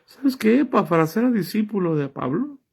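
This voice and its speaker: A man's voice: sits high, big pitch swings, normal speed, vocal fry, a little mellow, breathy edge. A man preaching a sermon, reading scripture aloud and pressing his listeners with rhetorical questions. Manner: reads scripture aloud and comments on it.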